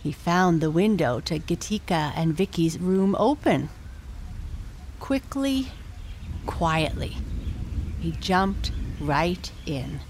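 A woman narrating a bedtime story gently, with long pauses between phrases. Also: on the low side, slight background noise.

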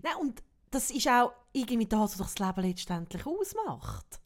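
A woman with a Swiss German accent chats casually, agreeing and adding her own reflections. Her voice is high and her intonation swings widely. She sounds animated throughout. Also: normal speed. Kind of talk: casual chat.

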